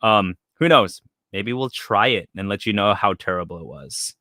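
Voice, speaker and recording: A man's voice: on the low side, moderate pace, pushed and bright, no room sound, clean studio sound. A young man co-hosting a casual podcast, joking and rambling with fillers and restarts. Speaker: podcast co-host. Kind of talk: casual chat.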